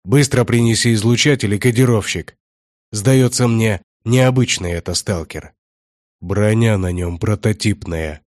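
A commanding grey-haired warrior-prior with a deep bass, as a man reading an audiobook puts him on. He speaks slowly and gruffly, every order weighty and final. The sound is low and dry, close to the mic. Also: a little mellow, no echo, natural voice. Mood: stern commanding. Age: older. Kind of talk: audiobook character voice.

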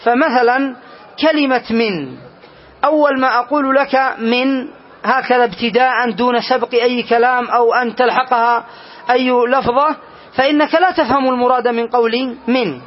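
A man's voice: very high voice, steady tone, moderate pace. A man teaching a grammar lesson to a class, patiently repeating the key phrases. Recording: dull lo-fi recording.

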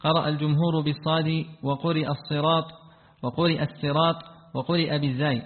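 A man reading a classical text aloud to his teacher, rushing and restarting when he stumbles over words. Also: a little high, little pitch movement. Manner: rapid reading with frequent restarts after stumbles. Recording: tinny phone-like sound with a long hall reverb.

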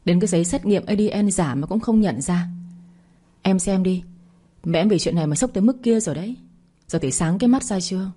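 A woman narrator voicing a stern older sister-in-law who firmly explains and scolds, with a low, husky voice. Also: expressive, fairly quick, dark tone.

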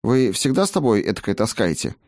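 A man voicing a weary, gentle elf healer who talks in worried questions. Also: mid-range voice, sing-song, fairly quick, no room sound, clean studio sound, close to an everyday voice. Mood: anxious.

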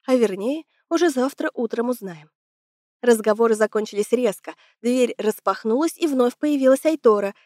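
A woman's voice: on the high side, a little mellow, no echo, studio quality. Woman narrating a fantasy story. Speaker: audiobook narrator. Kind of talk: scripted first-person fantasy narration.

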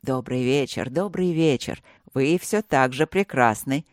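A woman voicing a calm, wry elderly grandfather who speaks quietly and courteously in a story reading. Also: a bass voice, a little slow, no echo, clean studio sound, voice pushed down.

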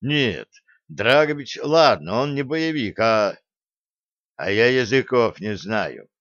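A gruff, phlegmatic admiral , as a male reader puts him on, who talks calmly with a dry, blunt edge. The recording is close, dry and slightly dull. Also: mid-range voice, slow pace, dry recording.

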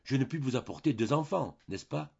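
A man voicing a gentle, pained young woman shop clerk in an audiobook reading, pleading in broken phrases. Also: mid-range voice, animated, a little fast, vocal fry, slightly rough, pitched above the performer's own voice. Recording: dull lo-fi recording.

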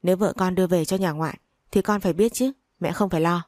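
A woman's voice: fairly low pitch, quick pace, a little mellow, dry recording, close to an everyday voice. A woman reading the lines of an impatient, curt young husband. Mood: irritable.

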